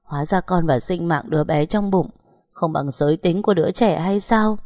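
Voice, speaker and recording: A woman's voice: moderate pace, mellow, no echo, studio quality. A woman voicing a distraught young pregnant woman who pleads and sobs in a raised, strained voice. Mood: sobbing. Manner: sobbing, pleading, pitched up.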